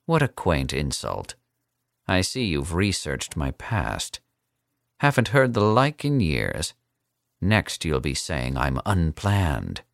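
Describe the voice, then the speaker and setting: A man voicing a suave, cold and amused older captor in a slow, condescending manner. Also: very deep voice, wildly swooping pitch, dry recording, studio quality, full character voice. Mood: dry, mocking. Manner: smooth, unhurried and condescending.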